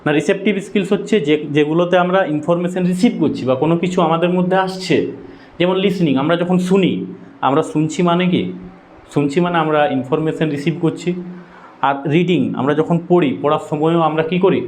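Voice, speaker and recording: A man's voice: a little high, steady tone, fairly quick, a little mellow. A man with a Bengali accent giving an exam-prep lecture, asking questions and answering them himself, correcting his own slips aloud. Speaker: teacher.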